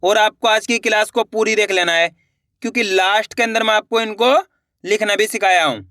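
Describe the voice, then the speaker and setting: A man whose voice sits high, steady, pushed and bright moves briskly through a slow syllable-by-syllable Hindi reading lesson, sounding out letters and blending them into words. Speaking to viewers as friends, he asks if it's clear; the studio-quality audio has no room sound.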